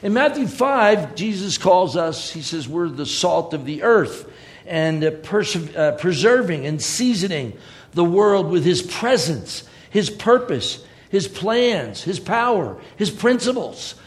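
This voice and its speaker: A man's voice: fairly high pitch, sing-song, slow. A man preaching a sermon in a conversational way, with joking asides.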